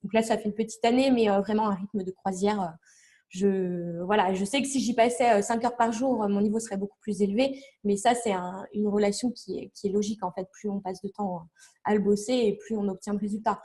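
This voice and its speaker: A woman's voice: medium pitch, dark tone. A young woman being interviewed, talking casually and at length, with many fillers and restarts as she explains things with examples. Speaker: interview guest, language learning blogger.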